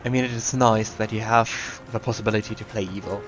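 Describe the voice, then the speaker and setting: A man's voice: on the low side, steady tone, fast. A man hosting a let's play, giving casual commentary on a game. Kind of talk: casual game commentary with read-aloud dialogue. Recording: game music under the voice.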